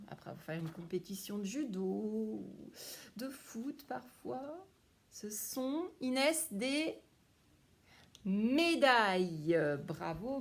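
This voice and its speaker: A woman, a primary school teacher, giving a phonics lesson to young children and praising each one by name. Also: fairly high pitch.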